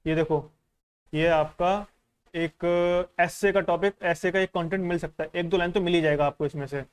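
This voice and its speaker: Smooth-voiced man coaching exam students. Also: fairly high pitch, steady tone, normal speed. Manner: conversational and instructive, often checking in with the listener; mixes in English phrases. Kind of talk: casual teaching while going through a newspaper.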